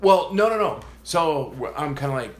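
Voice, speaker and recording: A man's voice: on the high side, big pitch swings, normal speed. Chatty man co-host in echoey room. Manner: chatty, laughs along, repeats "yeah". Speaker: podcast co-host. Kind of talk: casual chat. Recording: echoey room with faint noise.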